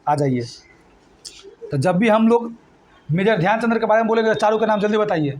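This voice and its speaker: A man's voice: sits high, fairly quick, darkish tone. A male teacher leading a classroom exam-prep lesson, quizzing students with call-and-response questions and repeating mnemonics. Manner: repetitive mnemonic chanting.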